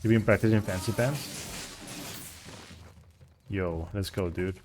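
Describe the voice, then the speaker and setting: A man's voice: fairly low pitch, slow pace, noisy background. A man giving casual, rambling commentary as he streams a speedrun. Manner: rambling and chatty, with frequent restarts and "like".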